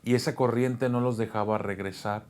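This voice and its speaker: A man interviewing a guest in casual chat, calmly explaining and summing up what happened. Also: medium pitch, normal speed. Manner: calm, explains and sums up.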